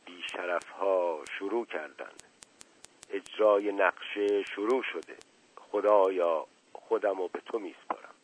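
A male narrator voicing a pompous, paranoid older patriarch who lectures gravely, in a storybook reading. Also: lowish voice, a little hiss or hum, lightly acted. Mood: weak, grave. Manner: grave, lecturing and self-important. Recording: tinny narrow-band radio sound, dry.

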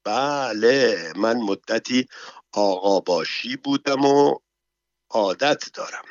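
A man's voice: mid-range voice, no room sound, lightly acted. A man reading a storybook, voicing a fussy nobleman disguised as a pregnant woman who whines and moans in a thin put-on voice, on a dull, dry recording. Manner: whining, moaning in a thin put-on voice.

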